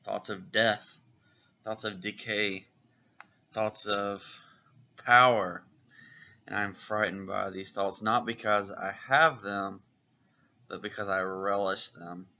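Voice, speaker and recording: A man reading aloud as a frightened young heroine struggling with her inner darkness, in a slow, earnest and intense way, on a dull lo-fi recording. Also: on the low side, fairly even intonation, sharp tone, heavily acted. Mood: anguished. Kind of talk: reading comic dialogue aloud.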